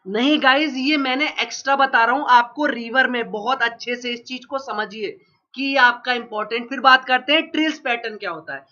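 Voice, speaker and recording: Brisk, bright, and forceful, a man's very high-pitched voice carries a geography review for upcoming exams. He is fighting a cold with a sore throat and the odd cough, hammering home points by asking and then restating the answer. Sound quality is dull and lo-fi.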